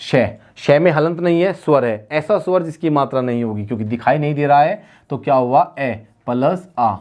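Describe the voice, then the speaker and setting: A man with a slightly high voice gives an exam-prep grammar lecture. He fires off questions and answers them himself, and he drills the key words slowly, over and over. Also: darkish tone. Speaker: Hindi grammar teacher.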